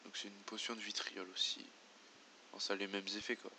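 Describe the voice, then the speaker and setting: A man gives let's play commentary, muttering and reading game menus aloud as he goes. His voice is on the low side and stays flat in pitch. The tone is bright and edgy. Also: fairly quick, creaky, slight background noise. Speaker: gamer.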